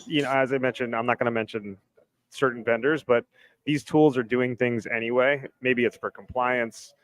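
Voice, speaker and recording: A man's voice: mid-range voice, steady tone, moderate pace, fairly bright tone, rough recording. A man speaking on a casual panel discussion, loose and full of "like" and "right?". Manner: loose, filler-heavy, says "right?" and "like" often.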